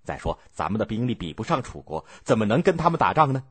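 A man's voice: fairly low pitch, very animated, fast, fairly bright tone, slightly rough, exaggerated voice. A man playing a cautious, earnest adviser. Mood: persuading. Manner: earnest, persuading. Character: cautious male military adviser.

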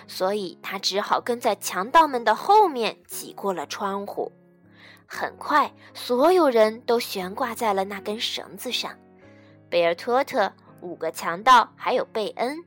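A woman narrating a children's story with an expressive, lively storybook delivery. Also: mid-range voice, a little slow, faint music behind.

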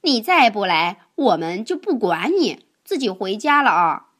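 A woman voicing a kind, playful female checkered elephant in a children's storybook, speaking calmly with a teasing edge. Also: mid-range voice, unhurried.

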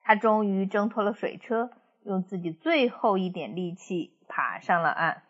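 A woman's voice: mid-range voice, expressive, unhurried, highs cut off. A woman storyteller reading a children's story expressively.

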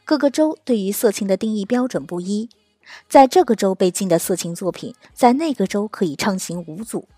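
A woman reading a scripted explainer narration in a steady, measured storytelling delivery. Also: mid-range voice, no echo, clean studio sound.

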